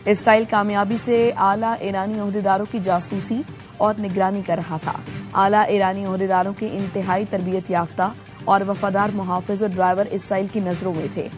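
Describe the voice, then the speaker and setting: Brief: female news anchor, brisk formal headline read, loud music bed behind. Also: mid-range voice, little pitch movement.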